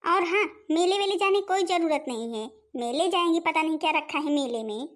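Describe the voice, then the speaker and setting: A woman voices a stingy old village grandmother who scolds and refuses everyone in a home-made cartoon. Her sharp-tongued nagging comes out in a very high, thin voice. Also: lively intonation, a little fast. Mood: scolding.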